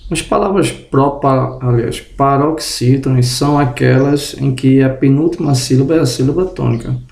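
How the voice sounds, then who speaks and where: A man giving a spoken grammar lesson, slowly drawing out example words and checking in with the viewer, slightly groggy and tripping over words. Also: mid-range voice, vocal fry, darkish tone, reverberant. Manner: tag questions to the viewer. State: just woke up, tongue tripping. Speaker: teacher.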